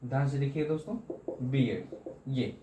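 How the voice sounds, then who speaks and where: A man's voice: mid-range voice, normal speed, dark tone, roomy sound, a little hiss or hum. A man teaching English grammar in Hindi for exam prep, repeating key terms and often addressing students as friends.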